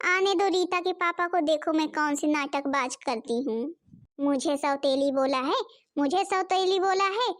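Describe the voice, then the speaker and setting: A woman voicing the women and girls of a Hindi cartoon in a very high, childlike voice, dramatic and scolding. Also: a bit bright. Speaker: narrator voicing all female characters.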